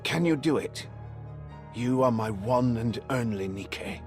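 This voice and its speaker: A man voicing a scheming older government official in an anime game, measured and commanding. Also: mid-range voice, expressive, faint music behind. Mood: cold, scheming.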